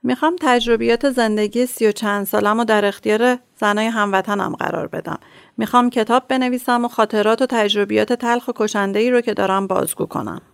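A determined woman in her thirties, played by an actress in a radio drama. Her voice sits a little high and has a gravelly edge, yet it stays smooth and resonant. She speaks earnestly, set on telling her bitter memories. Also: steady tone, no echo, clean studio sound. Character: woman in her thirties returning home to write memoirs.

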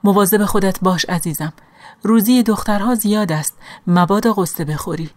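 A woman reading an audiobook, voicing a gentle, pious sixty-year-old woman with a soft, motherly way of talking. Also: mid-range voice, no echo, lightly acted. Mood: tender.

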